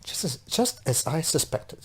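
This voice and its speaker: A woman voicing a calm, polite, unfazed gentleman detective in an amateur video game dub. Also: low voice, normal speed, noisy background. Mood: calm concern. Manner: genteel, unfazed. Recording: loud game music behind.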